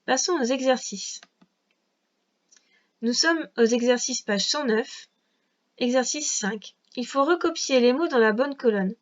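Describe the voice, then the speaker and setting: A woman's voice: high-pitched, unhurried, pauses often, highs cut off. A woman teacher guiding a young child through a reading lesson at a patient, carefully articulated pace. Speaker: first-grade teacher.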